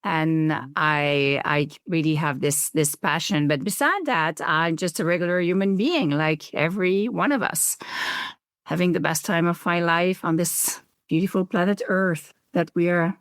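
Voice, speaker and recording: A woman's voice: on the low side, a little slow, no room sound, clean studio sound. A woman speaks as a guest on a podcast interview, in an earnest way, often repeating words as she goes.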